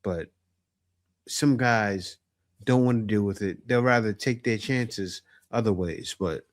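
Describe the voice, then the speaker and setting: A man's voice: on the low side, slow pace. A man giving casual commentary on dating, often tagging his points with a question. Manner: conversational, asks "right?" often.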